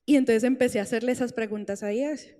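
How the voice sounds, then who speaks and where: A woman preacher giving a heartfelt sermon testimony, slow pauses building to tearful pleading. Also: fairly high pitch, mellow. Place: church hall. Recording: long church reverb with faint music.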